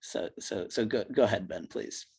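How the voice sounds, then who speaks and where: A man's voice: lowish voice, normal speed, creaky, a little mellow, slightly rough. A man hosting and introducing a speaker on a video call, loose and chatty with many fillers.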